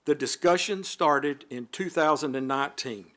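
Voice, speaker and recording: A city alderman with a fairly high, fairly bright voice reads prepared remarks at a council meeting at a moderate pace. His manner is formal, with occasional asides.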